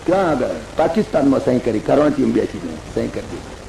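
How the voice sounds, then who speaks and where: A man giving a religious discourse as a lively folk story, acting out the characters' lines. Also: medium pitch, quick pace, gravelly, reverberant, noisy background. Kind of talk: Bhagavata discourse retold in folksy everyday terms.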